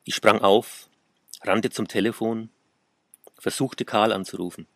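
Slow, low-voiced male narrator. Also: fairly even intonation, dry recording, clean studio sound. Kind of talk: scripted first-person narration.

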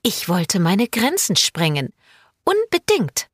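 A woman voicing an introspective adult woman from a storybook, speaking in a hushed, wondering way. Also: mid-range voice, wildly swooping pitch, slow, slightly rough, dry recording, clean studio sound, voice pushed up, full character voice. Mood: determined.

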